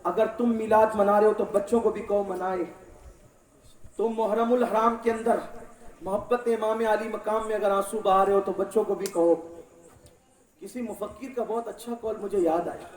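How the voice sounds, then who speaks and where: A man preaching a sermon to a congregation, impassioned, swinging from loud shouts to low, quiet lines. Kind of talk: Urdu-Hindi religious sermon to a congregation. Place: large hall or mosque gathering. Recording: echoey distant mic in a hall.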